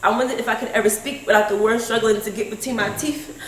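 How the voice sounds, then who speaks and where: A woman's voice: fairly high pitch, fairly even intonation, fast talker. A teenage girl, a student, performs a spoken word poem with emphatic, rhetorical delivery in a school room. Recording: echoey room with faint hum.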